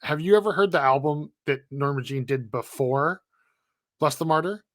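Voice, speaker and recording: A man co-hosting a casual gaming podcast, chatty and animated, who laughs easily while plugging the show. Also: a little high, moderate pace, no echo. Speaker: podcast co-host.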